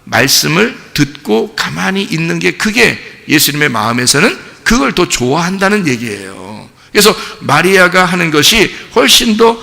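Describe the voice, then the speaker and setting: A man preaching a sermon as pastor, telling Bible stories in a lively way and acting out the dialogue. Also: fairly high pitch, normal speed, gravelly, hardly any pauses, big-room sound. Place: church sanctuary.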